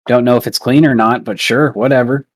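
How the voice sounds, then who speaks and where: A man's voice: mid-range voice, steady tone, brisk. A man running a tabletop game as game master, narrating loosely and casually with some swearing.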